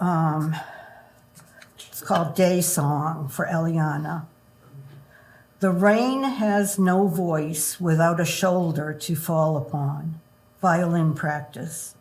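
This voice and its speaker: Slow, low-voiced older woman reading poetry. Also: darkish tone, low-quality recording. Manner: halting, unhurried, measured delivery. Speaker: poet at an open mic. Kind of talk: poetry reading with short introductions. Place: indoor room at a live open mic event. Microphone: gooseneck podium microphone.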